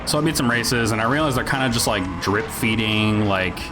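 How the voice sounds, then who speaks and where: A man's voice: lowish voice, fairly quick, low-quality recording. A man giving a casual, sweary gaming rant in a rambling, sardonic, grumpy-old-man grumble. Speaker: video game reviewer. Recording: music behind the voice. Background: music.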